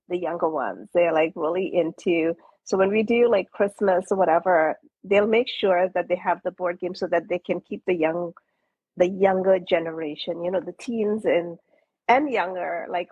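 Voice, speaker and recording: A woman's voice: fairly low pitch, moderate pace, breathy edge, no room sound, dull audio. A woman real estate agent hosting a casual interview, chatty and full of fillers and restarts.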